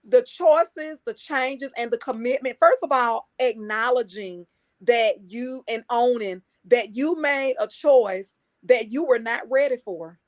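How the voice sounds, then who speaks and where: A woman guest on a podcast speaks at a measured pace in a slightly high voice during a casual interview chat. She's emphatic, stacking phrases into lists for effect.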